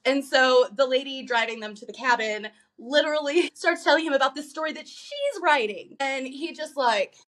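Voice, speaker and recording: A woman co-hosting a podcast in casual chat, animated, swearing freely and acting out lines from a movie. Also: high-pitched, moderate pace, few pauses. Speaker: podcast co-host.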